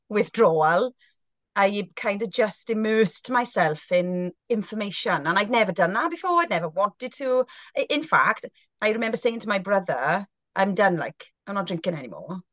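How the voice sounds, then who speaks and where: A woman's voice: mid-range voice, expressive, moderate pace, fairly bright tone, no room sound, studio quality. A woman, talking frankly and expressively as a podcast guest, often restarting her sentences. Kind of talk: candid podcast conversation.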